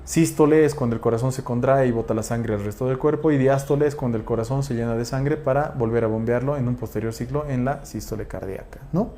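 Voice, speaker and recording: A man's voice: medium pitch, fast, hardly any pauses, warm tone, a little hiss or hum. A man lecturing on physiology, asking rhetorical questions and checking in with tag questions. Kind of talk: explanatory lecture.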